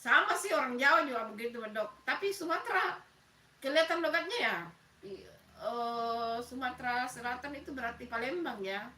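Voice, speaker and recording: A woman's voice: high voice, animated, moderate pace, pushed and bright, distant mic, a little hiss or hum. A middle-aged woman from Makassar with a Makassar accent, hosting a casual live stream and chatting with viewers by name. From Makassar, South Sulawesi. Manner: chatty, greets viewers by name, laughs often. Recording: echoey room, voice off-mic.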